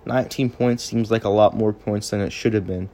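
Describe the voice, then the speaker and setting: A young man with a fairly low voice hosts a casual sports podcast. He talks off the cuff and often stumbles and restarts his sentences while he recaps the games. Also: steady tone, brisk, warm tone. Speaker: podcast host.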